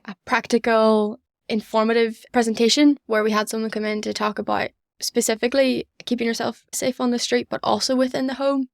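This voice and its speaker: A young adult woman, a student society organiser appearing as a podcast guest, gives earnest, conversational interview answers. Her voice is on the high side, and the recording is dry with clean studio sound.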